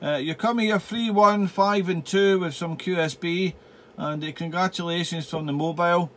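A high-pitched man works as an amateur radio operator in his home radio room. He chats casually, repeats his phrases and slips into call signs and phonetic spelling. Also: moderate pace, a bit bright.

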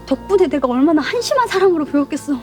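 An actress playing a frustrated young woman, a college senior, arguing with her younger boyfriend in a web drama; she speaks in a sharp, accusing way. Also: sits high, sing-song, racing, soft background music. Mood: angry, hurt. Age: young adult.

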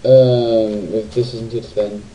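Rambling low-voiced man playing a game. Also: little pitch movement, slow, dark tone, lo-fi sound, slight background noise. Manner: rambling, self-talking, asks viewers tag questions. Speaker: gamer. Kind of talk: casual let's play commentary. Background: faint game music.

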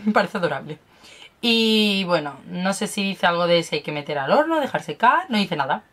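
A woman's voice: fairly low pitch, expressive, moderate pace, a bit bright. A young woman, chatting casually while unboxing and tasting snacks, gushing over cute things with lots of diminutives. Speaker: beauty and snack vlogger.

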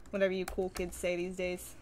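A woman's voice: fairly low pitch, completely flat delivery, fairly quick, a little mellow, a little hiss or hum. A woman streamer chatting casually with viewers, reading and answering comments in a bubbly way, swearing freely and laughing often.

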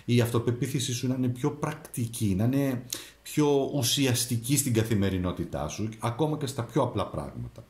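Recorded in an echoey room, a tarot reader and astrologer gives a reading to camera, addressing the viewer directly with advice. His voice is medium in pitch with a darkish tone and lively intonation.

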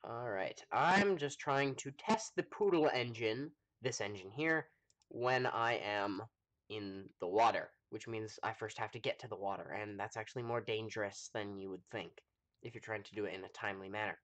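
A man with an American accent chatting casually to viewers during a live game stream, rambling with lots of fillers and pausing to eat. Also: fairly low pitch, a bit bright. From United States. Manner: rambling, chatty, full of fillers, talks while eating. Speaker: livestreamer playing a space game.

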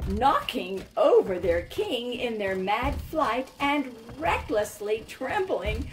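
A woman reading a classic children's story aloud with expressive, dramatic storytelling. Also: a little high, slow pace, background noise. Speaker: storybook reader. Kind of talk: scripted storybook narration. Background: background music.

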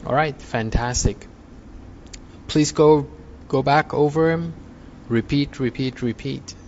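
A man teaching an English lesson, talking slowly and patiently through repeat-after-me drills with fillers. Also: medium pitch, darkish tone, a little hiss or hum. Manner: slow, patient, repetitive coaching with fillers. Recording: slightly dull recording with faint ambience.

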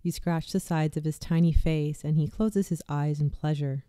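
A meditation guide leads a guided visualization in a slow, soft, soothing way, with some hushed moments. The voice is medium-pitched, steady, and smooth, with no room sound.

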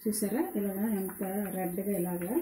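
A woman's voice: medium pitch, level tone, moderate pace, mellow, slight background noise. A woman hosting a home cooking demonstration at her stove, chatty and instructive, repeating her tips. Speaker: cooking channel host. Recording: echoey kitchen with sizzling frying.

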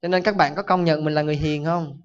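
Monk giving a dharma talk, chatty, keeps asking the crowd questions, muffled lo-fi sound. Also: male voice, fairly high pitch, fast. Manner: animated storytelling, rhetorical questions to the audience. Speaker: Buddhist monk. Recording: dull lo-fi recording.

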